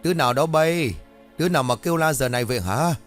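A man voicing an anxious, sharp-tongued old village woman in her seventies who calls out shrilly and scolds. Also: medium pitch, expressive, brisk, soft background music, close to an everyday voice. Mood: frightened.

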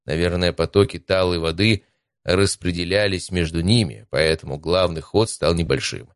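A man reading an adventure audiobook in calm, even first-person narration. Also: deep voice, moderate pace, clean tone, no echo, studio quality.

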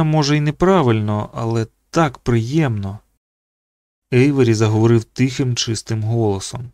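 A man narrating an audiobook in an expressive reading voice. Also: no echo, studio quality. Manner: reads expressively, pitching up for the children's quoted lines.

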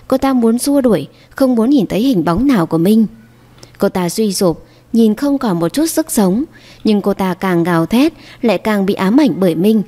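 A woman's voice: mid-range voice, warm tone. A woman narrating a dramatic story and reading all the characters' lines herself with little change of voice. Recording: long hall reverb.

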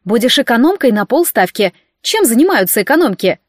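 A woman reading the part of a brisk, businesslike woman boss, a witch who speaks in a curt, matter-of-fact way. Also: a little high, sing-song, no echo, clean studio sound. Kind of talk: audiobook character voice.

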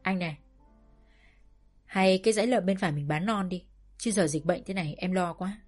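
A woman voicing a gentle farm mother who coaxes and persuades softly in a storybook reading. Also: fairly low pitch, normal speed, faint music behind, lightly acted. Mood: coaxing. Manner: soft coaxing persuasion.

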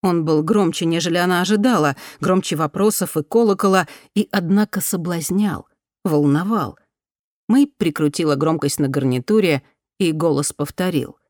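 Audiobook narrator: woman, calm and even, lower register, dry studio sound. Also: moderate pace, dry recording. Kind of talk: scripted narration.

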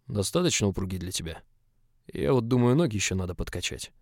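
A man's voice: fairly low pitch, animated, quick pace, dry recording, clean studio sound. A man reading a smug, mocking young boss in an audiobook. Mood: teasing. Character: confident, teasing young male boss. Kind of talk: audiobook character voice.

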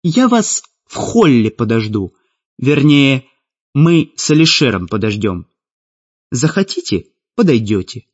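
A man voicing an old, tired, fatherly head mage who speaks melancholically, with a slightly husky voice. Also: mid-range voice, very animated, measured pace. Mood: melancholy. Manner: melancholy, gently guilty. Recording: dull lo-fi audiobook with faint music.

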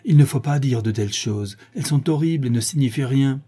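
A man voicing an earnest middle-aged male painter who gravely reproaches and urges a friend, in a storybook reading. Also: mid-range voice, fairly quick, mellow, lightly acted. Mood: shocked.

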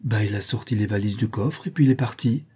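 A man's voice: lowish voice, fairly quick, warm tone, slightly rough. A man voicing a shy little girl of about five who gives small, unsure, matter-of-fact answers. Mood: innocent.

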